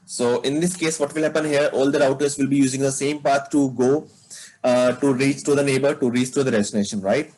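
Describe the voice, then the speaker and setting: A man's voice: mid-range voice, steady tone, a little fast, darkish tone, rough recording. A man teaching a live online networking class, explaining step by step and checking in with students by asking "right?". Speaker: networking instructor.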